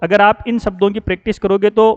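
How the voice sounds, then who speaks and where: A man teaching Hindi spelling, explaining each word slowly and checking in with his students. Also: high-pitched, level tone. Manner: explanatory, repeats key words, asks "है ना". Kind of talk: spelling lesson. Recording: dull lo-fi sound with long reverb.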